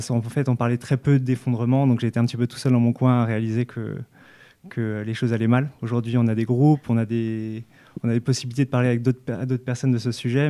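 A man's voice: medium pitch, mellow. A man in his thirties, guest on a casual discussion, speaking earnestly into a handheld mic with frequent restarts and fillers. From United States and France, raised in Montreal and New York. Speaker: activist guest. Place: small studio with brick wall.

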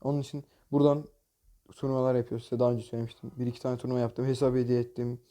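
A man's voice: medium pitch, flat delivery, very fast, warm tone. A man hosting a gaming channel, commenting on opening loot boxes in a mobile game, exasperated and jokey, often cursing at the game.

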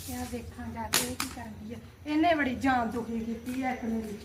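A woman playing a sharp-tongued daughter-in-law who snaps back in a family skit, recorded far from the mic in an echoey space. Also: a little high, fairly even intonation, moderate pace, heavy background noise, lightly acted. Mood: muttering. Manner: snapping back, irritated. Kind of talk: amateur family sketch acting. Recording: echoey, distant phone mic.

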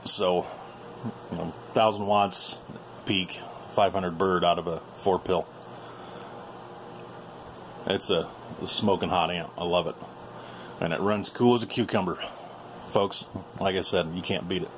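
Filmed on a handheld camera in a small room, this radio hobbyist and video host chats informally with viewers while showing off his workshop. He has a deep voice with fairly even intonation, speaks unhurriedly with frequent pauses, and there's a little hiss or hum.

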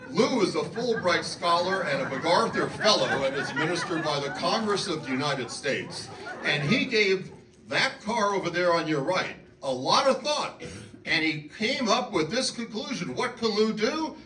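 A man in his seventies playing a brash 1960s TV garage pitchman, hammy and drawn out, in an echoey hall. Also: expressive, a little slow, crowd noise. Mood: salesy. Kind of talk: 1960s TV commercial announcing. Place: auditorium stage. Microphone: handheld mic. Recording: echoey hall, from far off, noisy.

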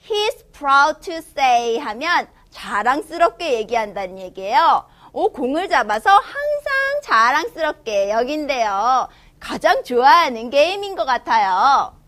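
A woman's voice: high-pitched, very animated, slow, hardly any pauses, a bit bright. A woman tutor reads a children's picture book aloud and explains it in a playful, exclamatory teaching manner. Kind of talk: storybook read-aloud with explanation.

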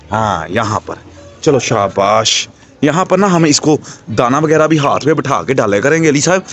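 A young man hosting a casual pet vlog at home, chatting excitedly and coaxing his animals. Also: mid-range voice, a little hiss or hum. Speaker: pet vlogger.

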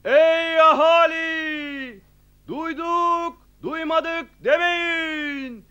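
Very high-pitched town crier. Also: male voice, bright, forceful tone, dull audio, heavily acted. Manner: slow, declamatory, stretching words in short phrases. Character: village town crier solemnly proclaiming a decree to the crowd. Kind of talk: town crier's loud, drawn-out public proclamation.

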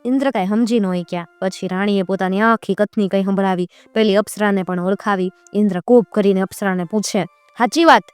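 A woman's voice: mid-range voice, fairly even intonation, brisk, hardly any pauses, a little mellow, clean tone, no room sound, soft background music. Woman telling an old folk tale. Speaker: storyteller.

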